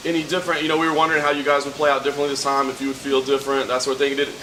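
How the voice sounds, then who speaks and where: Male press-scrum reporter, rambling questions at very high speed over clear background noise. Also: little pitch movement, rapid-fire. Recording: noisy press room.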